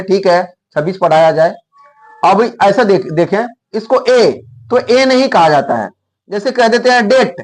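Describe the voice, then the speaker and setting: A man with an Indian accent teaching English pronunciation, sounding out letters slowly and correcting himself as he goes. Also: sits high. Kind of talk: classroom pronunciation lesson.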